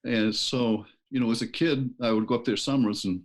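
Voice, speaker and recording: A middle-aged man from Maine talks as an author guest in a relaxed interview. He rambles through long stories and stops often for fillers and restarts. His voice sits at an ordinary middle pitch. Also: normal speed. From Maine, USA. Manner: rambling, hesitant with many fillers. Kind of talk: casual interview.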